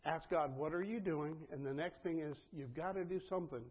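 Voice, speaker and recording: A man's voice: fairly high pitch, brisk, slightly rough, highs cut off. A man preaching a sermon as pastor, earnest and conversational, often turning to the congregation with asides.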